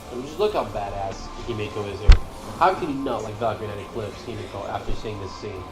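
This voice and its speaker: Talking fast in a lowish voice, a gaming content creator delivers enthusiastic, slangy, casual commentary. Loud game music fills the background, and the room echoes.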